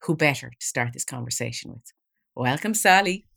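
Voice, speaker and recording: Low-voiced woman hosting a podcast. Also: animated, moderate pace, vocal fry, a bit bright. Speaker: podcast host. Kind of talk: podcast introduction and conversational interviewing.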